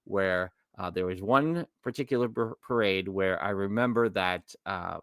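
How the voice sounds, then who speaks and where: A man's voice: low voice, unhurried, a bit bright, smooth, dry recording. Rambling middle-aged man with a New York accent. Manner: rambling, self-correcting storyteller. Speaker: podcast co-host. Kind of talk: casual podcast chat.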